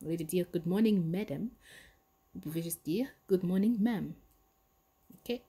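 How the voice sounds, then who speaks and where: A woman giving an English lesson, modelling phrases slowly and carefully. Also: lowish voice, dark tone, husky. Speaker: English teacher. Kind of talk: language lesson.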